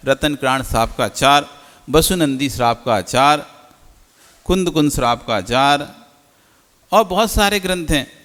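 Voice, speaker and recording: A man's voice: on the high side, bright, forceful tone, in a large hall. A man, a Jain monk, giving a teacherly sermon and often putting questions to his listeners. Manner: rhetorical questions to the audience, teacherly.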